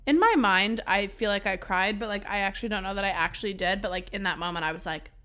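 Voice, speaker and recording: With a fairly bright, medium-pitched voice, a woman in her twenties from New York speaks fast as she co-hosts a podcast. She tells a funny story, laughing often and swearing casually.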